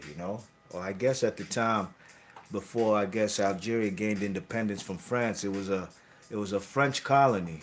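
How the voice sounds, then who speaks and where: Rambling, low-voiced man talking boxing history. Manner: rambling, with constant "you know what I mean" tags and self-corrections. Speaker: boxing channel host. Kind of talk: casual boxing history talk.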